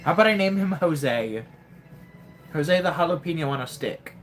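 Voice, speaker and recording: A man's voice: a little high, animated, moderate pace, soft background music. A man commentating his own gameplay on a live stream, joking and talking directly to his chat. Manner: chatty, joking, talks to chat. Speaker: game streamer.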